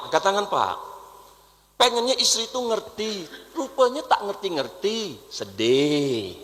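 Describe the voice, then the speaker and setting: Young male preacher, very high and bright, animated mosque sermon, echoing hall. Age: young adult. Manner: lively preaching, repeating phrases, mimicking voices in quoted dialogue.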